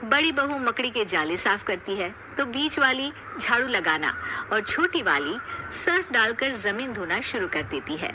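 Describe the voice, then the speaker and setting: A woman narrating a cartoon story in a steady storytelling way. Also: fairly high pitch, measured pace, noisy background.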